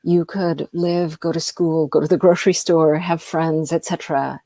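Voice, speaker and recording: A middle-aged American woman, invited to talk informally over a video call, fills her speech with ums and uhs. Her deep, dark voice is flat and moves at normal speed, with no echo.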